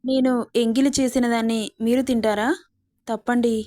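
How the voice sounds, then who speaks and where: A woman's voice: a little high, little pitch movement, normal speed, dark tone, no room sound, lightly acted. A woman voicing a hurt young wife who pleads with her husband. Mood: meek.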